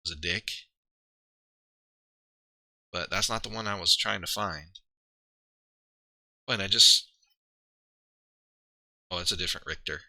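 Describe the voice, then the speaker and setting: A man on a live stream, chatting in a loose, rambling way and laughing at his own slips. His voice is very bright and forceful and a bit low for a man. It is recorded dry and close, with no room sound. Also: measured pace, vocal fry, pauses often, no echo. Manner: rambling, self-deprecating, trails off and restarts. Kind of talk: casual live-stream commentary.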